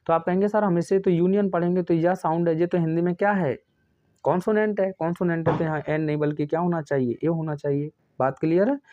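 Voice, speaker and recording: A male teacher giving a grammar lesson, asking questions and then answering them himself, and dictating example sentences very slowly. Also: fairly high pitch, a little mellow, dry recording, lo-fi sound. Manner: asks questions and answers them himself, calls students friends.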